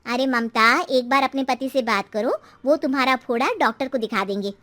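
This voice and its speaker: A woman's voice: high voice, fairly even intonation, moderate pace, a bit bright. A woman voicing a frank, chatty neighbour, a mother, outspoken and full of advice in a moral story. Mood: concerned. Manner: advising, outspoken.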